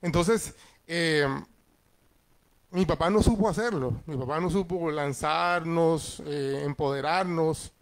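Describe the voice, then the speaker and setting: A man's voice: a little high, slow. A middle-aged man, a pastor teaching Sunday school in a conversational way and checking in with his listeners. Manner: acts out family voices in passing.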